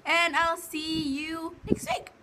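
A woman's voice: very high voice, takes it slowly. A young woman hosting a vlog in casual, chatty talk at home. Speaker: vlog host. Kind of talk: casual chat. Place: living room at a table, camera close. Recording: noisy home recording.

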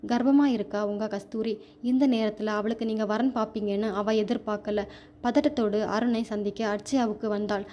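A woman's voice: medium pitch, steady tone, moderate pace, mellow, muffled recording, slight background noise, natural voice. A woman voicing a smug, scheming young man in a storybook reading, cool and taunting. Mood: accusing.

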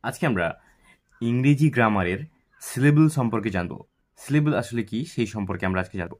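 A man teaching an English grammar lesson. He asks questions and answers them himself, and repeats words slowly, syllable by syllable. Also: mid-range voice, expressive.

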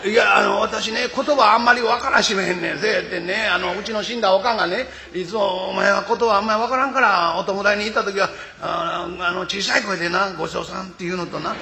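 A man with a Kansai accent voicing a dim-witted, cheerful young townsman in a rakugo story, stammering and excitable. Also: sits high, fast, creaky, few pauses, long reverb tail, noisy background. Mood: earnest.

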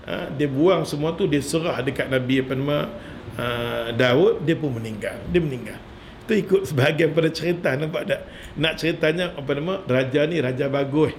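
A middle-aged man with a northern Malaysian Malay accent, giving a religious lecture as an animated storyteller who chuckles and keeps asking the audience rhetorical questions. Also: a little high, slight background noise. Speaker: religious teacher.

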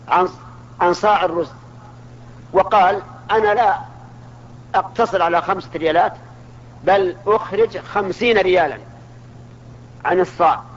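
A man's voice: sits high, a little hiss or hum. A man teaching a religious lesson, asking his listeners questions and answering them himself. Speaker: Islamic scholar teaching. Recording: dull lo-fi archival recording.

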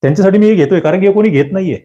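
A man giving an online exam-prep lecture, drilling grammar questions with lively, rising emphasis and questions to his students. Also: high voice, very fast, lo-fi sound.

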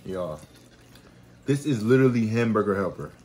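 Casual young man co-host, low voice with lively swings, slangy banter, noisy phone audio. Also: moderate pace. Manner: laid-back, slangy, teasing banter. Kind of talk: casual cooking vlog chat. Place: small home kitchen, indoors. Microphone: phone camera held close.

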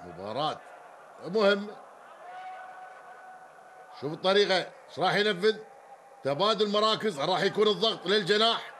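High-voiced excitable Kuwaiti commentator man. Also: normal speed, pauses often, slight background noise. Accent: Kuwaiti Arabic. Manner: excitable, repeats phrases, often shouts. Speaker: handball commentator. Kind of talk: live sports commentary.

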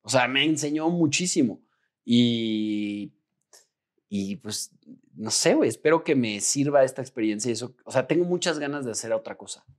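A man in his thirties with a Mexican accent, talking casually as an interview guest and acting out his own thoughts in a lively, slangy way. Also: mid-range voice, normal speed. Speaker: actor and guest.

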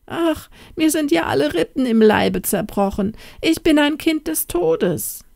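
A woman's voice: high voice, animated, unhurried, gravelly, darkish tone, dry recording, studio quality, pitched above the performer's own voice, full character voice. A woman voicing a pitiful talking cabbage head in a storybook reading, with a plaintive, whiny delivery.

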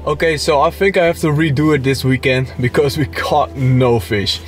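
A young man, casually explaining to the camera outdoors by a canal, with relaxed fillers. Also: medium pitch, normal speed. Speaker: angler and vlogger. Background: music.

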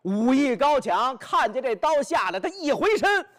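A man performing traditional storytelling, animated and speaking directly to his listeners. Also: extremely high pitch, moderate pace. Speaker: pingshu storyteller.

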